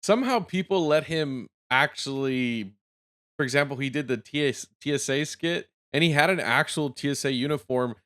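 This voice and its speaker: A man's voice: medium pitch, moderate pace, a bit bright. A man giving casual reaction commentary with chatty, rambling asides. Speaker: streamer reacting to a video.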